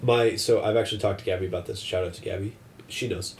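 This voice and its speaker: A man's voice: on the low side, fast, a little mellow, a little hiss or hum. An eighteen-year-old man co-hosting a podcast, easygoing and jokey in casual chat. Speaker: podcast co-host. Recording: mic at a distance.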